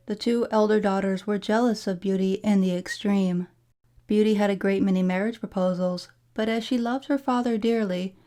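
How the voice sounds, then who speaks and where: A woman narrating a fairy tale from a storybook in a measured, formal storytelling delivery. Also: medium pitch, warm tone. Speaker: storybook reader.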